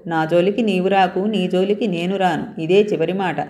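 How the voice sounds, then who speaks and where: A bold young man hiding from the police teases and coaxes, as a woman reads his lines in a low voice. He sounds sure of himself, never rattled. It is a read-aloud storybook. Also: steady tone, moderate pace, mellow, natural voice. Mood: coaxing.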